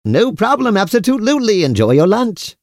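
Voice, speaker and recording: A man's voice: high voice, very animated, normal speed. A man playing an obliging, formal restaurant waiter with polite, eager service patter in a comic audio drama. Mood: eager to please.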